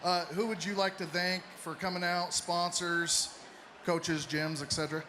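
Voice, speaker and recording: Bright, high-pitched male event host. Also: level tone, unhurried, slight background noise. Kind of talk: unscripted live event address. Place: live fight event venue.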